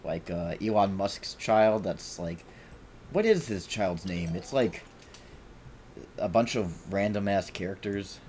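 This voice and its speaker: A man's voice: low voice, expressive, slow, a little mellow, slight background noise. A man streaming a video game, rambling and swearing as he talks to himself and his viewers. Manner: rambling, profane, self-talking. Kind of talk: casual gameplay commentary.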